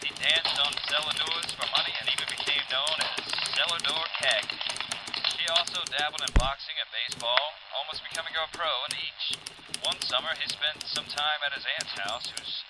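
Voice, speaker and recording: A man putting on the voice of an old-time AM radio announcer, narrating a recap in a slow, measured broadcast style with a crackly radio sound. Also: fairly high pitch, pitched below the performer's own voice. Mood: announcing.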